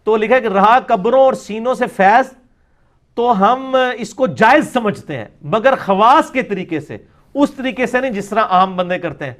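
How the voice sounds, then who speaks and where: A man's voice: high voice, expressive, a bit bright. A man giving a religious lecture, arguing and mocking his opponents' views. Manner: mocking, argumentative, mimics opponents.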